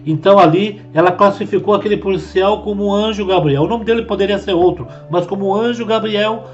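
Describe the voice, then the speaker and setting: A man's voice: high voice, fairly quick. A man hosting with earnest religious commentary, addressing fellow believers in a preacherly way. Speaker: host commenting on testimonies. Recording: dull lo-fi sound with faint music. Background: faint music.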